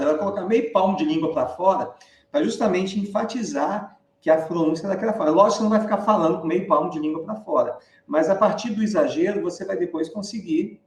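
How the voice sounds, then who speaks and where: A man's voice: high-pitched, a little mellow, far from the mic. A man with a Brazilian Portuguese accent, explaining an English lesson in a live online class, often checking in with tag questions. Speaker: English teacher. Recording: echoey room, voice a bit off-mic.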